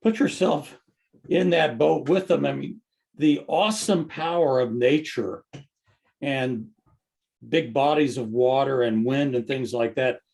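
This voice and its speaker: A man's voice: mid-range voice, unhurried, creaky, darkish tone. A man in a church group discussion, speaking in a wry, conversational way.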